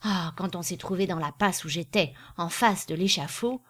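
A woman doing a loud, bombastic salesman. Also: on the low side, moderate pace. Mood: boisterous. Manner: bombastic, declamatory. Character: boisterous male traveling salesman, loud and showy.

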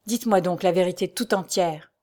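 A woman's voice: fairly low pitch, a little fast, dark tone, close to an everyday voice. A woman reading the part of a young nobleman, ardent and pleading, pressing with urgent questions.

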